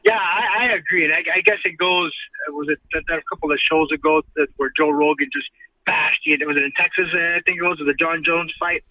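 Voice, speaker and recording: A man's voice: fairly high pitch, a little fast, no room sound. A man giving earnest opinions as a guest in a casual sports interview, heard over a remote call. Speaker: guest, ring announcer. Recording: tinny, distant phone-like line.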